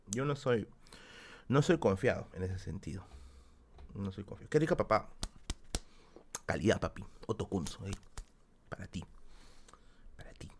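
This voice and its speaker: A young man with a Peruvian Spanish accent, chatting casually on a late-night livestream, reading out donations and viewer comments in a self-deprecating way. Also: medium pitch. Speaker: streamer.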